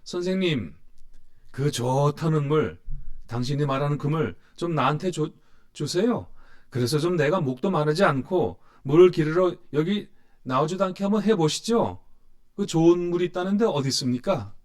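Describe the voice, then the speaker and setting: A man's voice: on the high side, sing-song, unhurried, a little mellow. A man voicing a scornful, indignant Samaritan woman who answers back with sarcastic, defiant questions.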